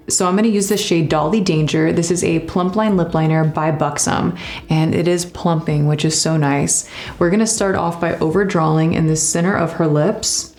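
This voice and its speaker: A woman makeup artist narrating a tutorial in a calm, instructive way, with playful teasing. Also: low-pitched.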